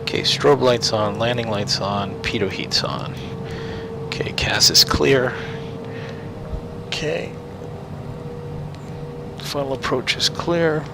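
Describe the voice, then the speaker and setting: A man talking like a pilot into a cockpit headset, giving calm, matter-of-fact checklist callouts and radio calls. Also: mid-range voice, slow, vocal fry, pauses often. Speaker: pilot flying a simulated jet. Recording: loud engine noise behind the voice.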